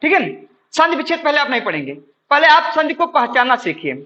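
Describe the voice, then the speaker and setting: A lively, expressive grammar teacher on a lo-fi recording. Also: male voice, extremely high pitch, fast. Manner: asks questions then answers them himself, keeps saying "ठीक है"; addresses viewers as friends, explains step by step. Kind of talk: exam-prep classroom lesson.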